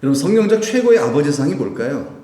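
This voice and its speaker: A man's voice: a little high, very animated, fast, mellow. A man preaching a Sunday sermon, putting questions to the congregation as he goes. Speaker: pastor. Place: church sanctuary. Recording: echoey church hall with long reverb.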